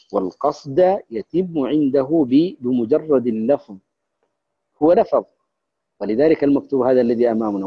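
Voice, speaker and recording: A man with a husky, slightly breathy voice teaches a recitation class at a middle pitch. He chants verses from a poem and then breaks them down for his students, often stopping to check that they follow. The recording is dull and lo-fi.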